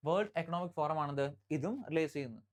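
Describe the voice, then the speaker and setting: A teacher from Kerala giving an exam-prep current affairs lecture. The teacher repeats key facts, checks in with listeners often, and reads English headlines slowly before explaining them. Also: medium pitch, animated.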